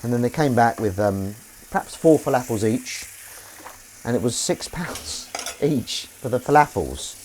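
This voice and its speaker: Man, animated rambling chat, kitchen sink stream, faint clatter behind. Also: medium pitch, a little slow, slight background noise. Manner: chatty, self-deprecating, rambling with restarts. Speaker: streamer washing up live. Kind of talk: casual live-stream chat.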